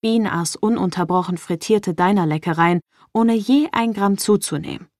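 A woman reading a first-person audiobook in a measured storytelling manner. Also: mid-range voice, a little mellow, no room sound, studio quality. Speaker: audiobook narrator.

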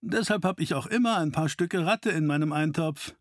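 A man's voice: a little high, normal speed, dry recording, clean studio sound, voice pushed up, close to an everyday voice. A male narrator voicing a cheeky, wisecracking young man who talks in breezy banter. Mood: joking.

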